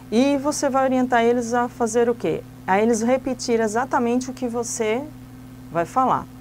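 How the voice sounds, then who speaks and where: A woman's voice: medium pitch, darkish tone, a little hiss or hum. Patient woman explaining a classroom activity. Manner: patient, instructive, step by step. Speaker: Sunday school teacher trainer.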